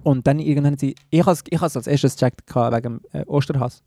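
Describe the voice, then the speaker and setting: A man's voice: mid-range voice, fast, mellow, dry recording, clean studio sound. A man with a Swiss German accent telling stories animatedly in a casual podcast chat, dropping English slang. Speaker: podcast co-host, band member.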